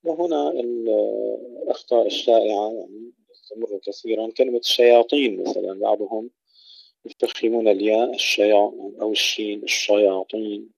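A man teaching tajweed, explaining rules and then reciting words slowly with long drawn-out vowels. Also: fairly low pitch, fairly even intonation, creaky, darkish tone, no room sound, muffled recording. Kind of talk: tajweed lesson with recitation examples.

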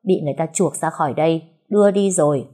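A greedy, scheming brothel madam who alternates between flattery and haughtiness, put on by a woman. Her tone is low and husky. It is storybook narration. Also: fast talker. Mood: dismissive. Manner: fawning yet haughty, wheedling.

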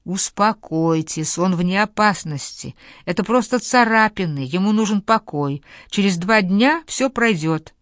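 Lady doing a young doctor guy, calm and steady, keeps it slow. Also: medium pitch, no room sound, studio quality, close to an everyday voice. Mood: soothing.

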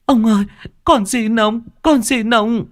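A man voicing frightened young children who plead to be set free, raising his voice high and making it tearful. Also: slow pace. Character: terrified young children begging for mercy.

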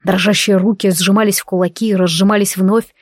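A woman reading a fantasy audiobook aloud in steady scripted narration. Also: mid-range voice, a little fast, no room sound, clean studio sound.

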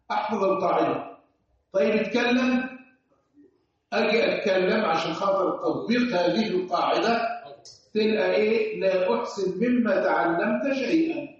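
A man with an Egyptian accent teaching Quran recitation rules to a class, asking questions and chanting examples. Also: high voice. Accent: Egyptian Arabic. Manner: sing-song explaining, asks class questions. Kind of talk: classroom lecture. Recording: echoey room, distant dull mic.

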